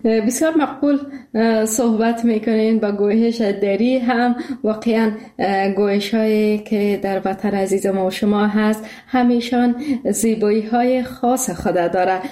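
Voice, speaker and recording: A woman's voice: medium pitch, steady tone, mellow. A woman hosting a radio interview, polite and formal in how she addresses her guest. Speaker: host.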